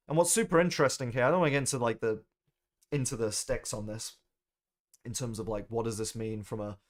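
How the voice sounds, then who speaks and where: British male streamer host, profane rambling rant, heated. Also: medium pitch. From United Kingdom. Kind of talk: ranting live-stream commentary.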